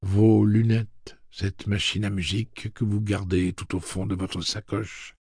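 A man's voice: lowish voice, flat delivery, measured pace, darkish tone, husky, no room sound, studio quality, voice pushed up. A man voicing a prissy, condescending male robot with a suave, slightly effeminate manner, read as an audiobook character voice.

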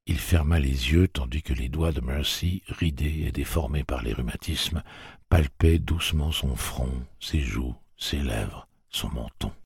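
A man reading an audiobook in a slow, measured narration. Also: rumbling low, vocal fry, a little mellow, slightly rough, dry recording, studio quality. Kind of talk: scripted narration.

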